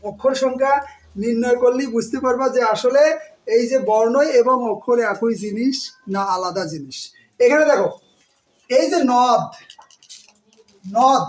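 A male teacher runs an exam-prep grammar lesson in a very high-pitched voice, captured on poor audio. He poses questions to his students, answers them himself, and repeats words slowly with every syllable stretched out.

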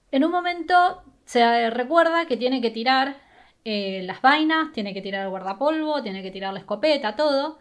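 A young Argentine woman tells a true crime story at a brisk, casual pace while doing her makeup in a small bedroom. Her voice sits a little high, and she talks straight into a camera at desk distance. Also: a bit bright. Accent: Argentine Spanish. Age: young adult. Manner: conversational, brisk, with filler "eh" and "¿no?". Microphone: webcam or camera at desk distance.

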